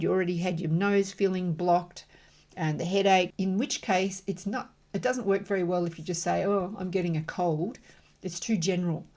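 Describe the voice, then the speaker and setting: In a lowish, gravelly voice, a middle-aged woman demonstrates emotional freedom tapping. Slow, rhythmic affirmations alternate with her calm, conversational explanations.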